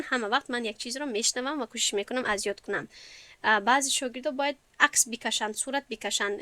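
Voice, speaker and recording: Bright-voiced woman teaching slowly in class. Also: fairly high pitch, no room sound. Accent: Tajik Persian. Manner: slow explanatory teaching, stretches out example words loudly. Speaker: Quran recitation teacher. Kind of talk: recorded classroom lesson.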